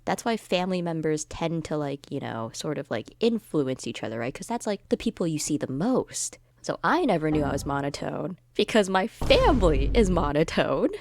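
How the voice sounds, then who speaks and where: A woman talking in a monotone, rambling and self-deprecating way in a casual vlog. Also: sits low, normal speed, few pauses. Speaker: video creator.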